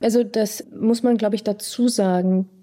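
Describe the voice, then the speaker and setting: A woman psychotherapist, born in Iran, answering interview questions in a thoughtful, deliberate way, pausing to search for words. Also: mid-range voice, fairly even intonation, dark tone. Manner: thoughtful, deliberate, with pauses and fillers.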